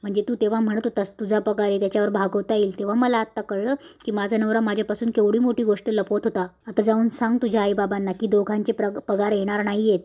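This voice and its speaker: A woman voicing an angry young wife who scolds her husband in rapid accusations, in a spoken recap of a serial episode. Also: mid-range voice, little pitch movement, mellow, lightly acted. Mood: angry, scolding.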